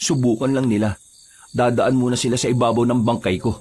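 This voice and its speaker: A man playing a steady, protective village father who talks in a plain, reassuring way. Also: medium pitch, a little fast, slight background noise, lightly acted.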